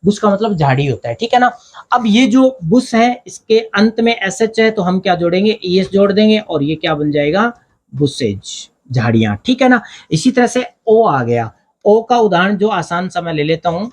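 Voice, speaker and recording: भारतीय लहजे वाला पुरुष शिक्षक, सवाल-जवाब शैली. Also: male voice, high-pitched, animated, normal speed. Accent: Indian. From India. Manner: explains step by step, asks and answers his own questions. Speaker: English teacher. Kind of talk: blackboard grammar lesson.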